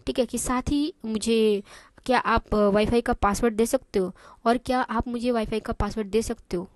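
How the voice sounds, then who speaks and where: A woman with a slightly high voice gives a spoken English lesson. She speaks slowly and deliberately, drawing out each English phrase word by word before translating it. The sound is close and dry, with no room around it. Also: dry recording. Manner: repeats and translates each phrase, checking in with "theek hai". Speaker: English teacher.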